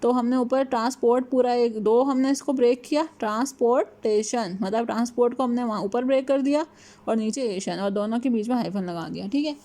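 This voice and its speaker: A woman teaching a class on punctuation. She mixes Hindi and English, reads the English examples slowly and checks in often. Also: fairly high pitch, mellow. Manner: adds "ठीक है" after points. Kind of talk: lecture on punctuation.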